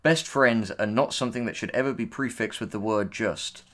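Reading posts aloud on a casual commentary show, this male co-host and writer responds to writing tips with sardonic, dismissive remarks full of swearing. His voice is lowish and fairly bright, and he speaks at a moderate pace.

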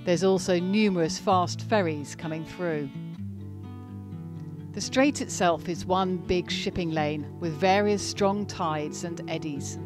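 A woman with a fairly low voice reads a travel voice-over in a calm, wry way. Plucked guitar music plays clearly underneath her. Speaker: vlog narrator. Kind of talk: scripted voice-over narration. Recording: voice-over with loud music bed.

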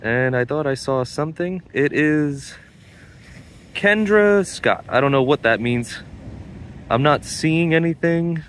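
On a beach, a young man hosts a metal detecting vlog, narrating casually into a handheld phone and chatting directly with his viewers. His voice is fairly high and a little slow, with a bit of hiss or hum in the recording.

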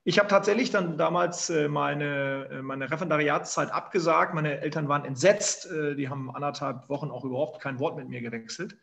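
Over a remote call, a man in his forties from Emsland in northern Germany tells his career story as an interview guest, with a northern German accent. His voice is on the high side, gravelly and a little bright, and he talks briskly with hardly any pauses and many fillers.

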